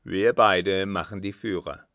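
Male reader doing a cold, plotting ex-officer, low and forceful, close dry audiobook read. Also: unhurried, no echo. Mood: scheming. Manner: louder and more forceful than narration. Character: scheming former guard captain, cold, calculating. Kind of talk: audiobook reading.

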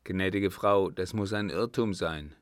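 A man's voice: deep voice, unhurried, dry recording, clean studio sound. A man reading an audiobook, voicing a young lieutenant who defends himself earnestly to a furious countess. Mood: defensive. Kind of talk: audiobook character voice.

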